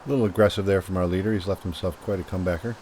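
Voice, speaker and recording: A man giving measured, analytical golf-style commentary on a disc golf tournament, explaining shots and holes. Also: deep voice, steady tone, a little mellow, a little hiss or hum. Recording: music behind the voice. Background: music.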